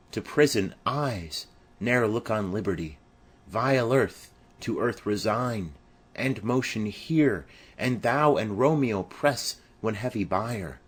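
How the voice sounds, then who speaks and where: A man with a mid-range, slightly rough voice performs an audiobook passage in declamatory Shakespearean verse. He voices a lovesick young noblewoman, sounding anguished and impassioned in a poetic, declaiming style.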